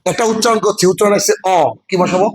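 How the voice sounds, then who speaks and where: A man's voice: high voice, fairly even intonation, fast talker, a little hiss or hum, poor audio. A man teaching English in a classroom lecture, explaining step by step and checking that students follow. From West Bengal. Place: classroom with a board.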